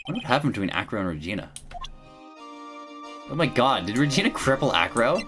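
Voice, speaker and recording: A woman's voice: rumbling low, big pitch swings, a little fast. A woman giving casual, sweary playthrough commentary on a video game, musing aloud as she goes. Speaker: gamer playing and voicing a visual novel. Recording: game music behind the voice.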